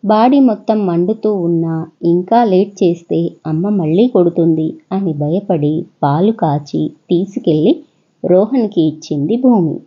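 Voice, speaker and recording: Woman, Telugu accent, children's story narrator, husky, dull lo-fi sound. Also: lowish voice, measured pace.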